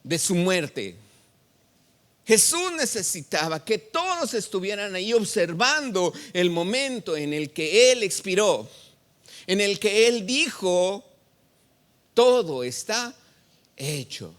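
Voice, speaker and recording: Animated pastor, high lively voice. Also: male voice, slow pace. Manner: call-and-response questions to the congregation; reads scripture aloud and expounds it. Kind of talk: sermon. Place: church sanctuary.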